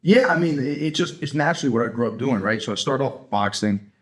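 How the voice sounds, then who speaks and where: A young adult man from Greenwich, Connecticut, a professional fighter appearing as an interview guest, speaks fast in an expressive, medium-pitched voice. His casual interview talk is blunt, with swearing, restarts and fillers.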